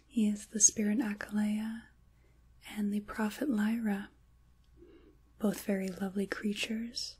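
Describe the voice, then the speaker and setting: A woman voices an ancient, kindly witch in a soft-spoken ASMR role-play, her speech breathy and whispery, musing and wry yet gently reassuring. Her medium-pitched delivery is flat and unhurried with frequent pauses, carrying a calm, fond mood.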